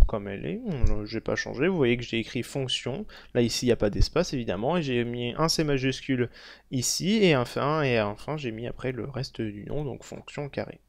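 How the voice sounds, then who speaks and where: Halting young man explaining code. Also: medium pitch, expressive, gravelly, dry recording, clean studio sound. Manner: halting, many fillers and self-corrections. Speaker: programming tutor. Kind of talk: screen-recorded coding tutorial.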